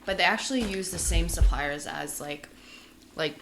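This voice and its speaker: A woman co-hosting a casual eating video, talking in an informal, halting way. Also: fairly low pitch. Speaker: mukbang video co-host. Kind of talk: casual chat while eating. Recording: faint noise with clinking cutlery.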